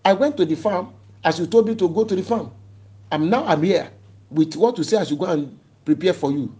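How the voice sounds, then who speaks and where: A man's voice: sits high, a little fast, warm tone, lightly acted. A man preacher voicing a wronged elder son in a retold scripture story, pleading with his father. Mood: protesting.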